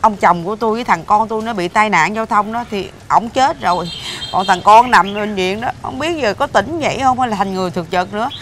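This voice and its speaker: A woman's voice: mid-range voice, fairly bright tone, slight background noise, natural voice. An actress playing an exasperated middle-aged mother who scolds her blind ex-husband in a TV drama. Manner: scolding, rapid and indignant. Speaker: former wife. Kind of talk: TV drama acting.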